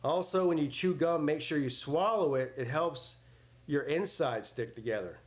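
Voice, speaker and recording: A slightly high-voiced man in his forties speaks at a moderate pace while hosting a live sports watch party. Play-by-play and casual talk blend together in his rambling, blunt, joking delivery.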